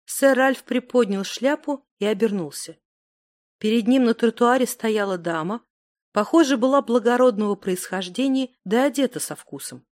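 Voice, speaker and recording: A woman narrating a story in a calm, measured reading voice. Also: fairly high pitch, no room sound, clean studio sound. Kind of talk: audiobook narration.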